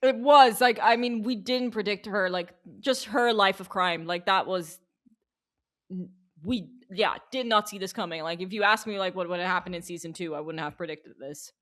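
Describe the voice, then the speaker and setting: A woman's voice: medium pitch, normal speed. A woman co-hosting a podcast, chatting casually and peppering her sentences with "like" and restarts. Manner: chatty, full of "like" fillers and restarts. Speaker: podcast co-host. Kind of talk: casual chat.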